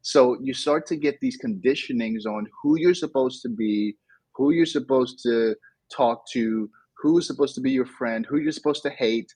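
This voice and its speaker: A lower-voiced man from Nigeria reflects on his past as a guest in an interview, his tone husky and a little rough. He restarts sentences often and grows animated when recounting events. The sound is close and dry. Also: dry recording, poor audio. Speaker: interview guest, digital entrepreneur. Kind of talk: casual storytelling interview.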